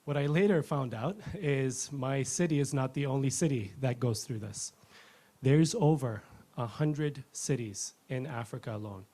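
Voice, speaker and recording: Earnest man giving a startup pitch. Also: normal speed, warm tone. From Ethiopia. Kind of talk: rehearsed pitch presentation.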